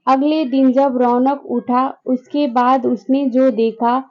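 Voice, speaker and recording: A woman's voice: high voice, fairly even intonation, slow pace, dull audio. A woman telling a family story as scripted narration, reading each character's lines in her own voice after naming them.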